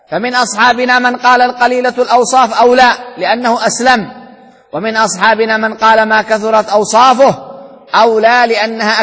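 A man's voice: very high-pitched, a bit bright, husky. A man teaching Islamic jurisprudence in a classroom lecture, who asks rhetorical questions, answers them himself and repeats key points. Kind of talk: classroom lecture explaining a text. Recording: hall reverb.

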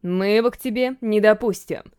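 A woman's voice: mid-range voice, moderate pace, darkish tone, clean tone, no echo, clean studio sound, lightly acted. A woman voicing a stern young prince who questions a prisoner in an audiobook.

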